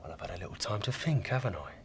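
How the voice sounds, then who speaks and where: An actor playing a defensive British man under police questioning in a TV drama, halting, emotional and pleading. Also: sits low, animated, a little hiss or hum. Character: male suspect, defensive, agitated, pleading.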